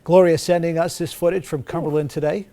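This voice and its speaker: A man's voice: on the high side, fairly even intonation, fairly quick, dark tone. A man anchoring TV news, tossing to the weather with dry, sarcastic humor.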